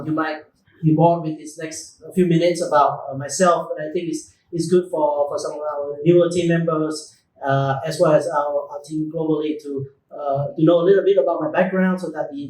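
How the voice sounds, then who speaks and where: A man from Vietnam, a company executive, talking in a casual fireside chat at an office event, measured and halting with frequent restarts. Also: a little high, darkish tone. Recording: roomy echo, mic far off.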